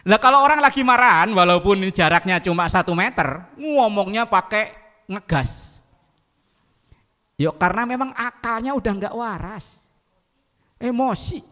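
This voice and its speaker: A man's voice: sits high, unhurried, pauses often, in a large hall. A man giving a sermon to a congregation, telling jokey stories and acting out quotes. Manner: lively, jokey storytelling with acted quotes. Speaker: preacher.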